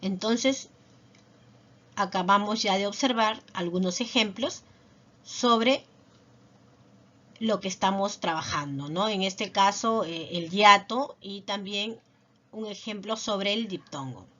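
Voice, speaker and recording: Slow, patient woman teacher, dull recording. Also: medium pitch, fairly bright tone. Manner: slow, patient explaining with tag questions. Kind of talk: recorded online lesson.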